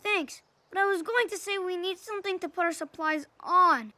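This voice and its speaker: A woman's voice: extremely high pitch, normal speed. A woman voicing an eager young boy dump truck in a children's cartoon, bouncy and stubborn. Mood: insistent.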